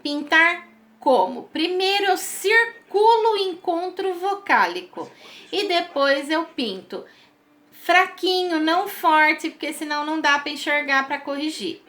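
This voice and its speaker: A woman's voice: sits high, animated, measured pace, fairly bright tone. A woman teacher, patiently explaining homework exercises to children and using many diminutives.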